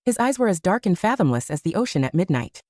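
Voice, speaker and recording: A woman narrating a first-person romance audiobook story in an expressive storytelling manner. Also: fairly low pitch, quick pace, dry recording, clean studio sound.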